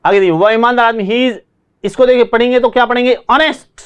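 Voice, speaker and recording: A man's voice: very high voice, fairly even intonation, fast, clean tone. A man with an Indian accent teaching spoken English, repeating key words and asking and answering his own questions.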